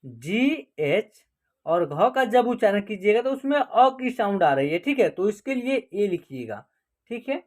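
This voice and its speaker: A woman's voice: mid-range voice, animated, normal speed, a little mellow. A woman teaching an online class, explaining step by step and asking questions that she then answers herself.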